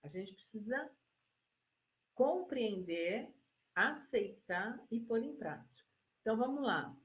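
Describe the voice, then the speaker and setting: A Brazilian woman who works as a psychologist, giving a live-stream relaxation lesson and talking listeners through slow breathing in a soothing way. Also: a little high, big pitch swings, lo-fi sound. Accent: Brazilian Portuguese. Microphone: phone or laptop mic for a live stream.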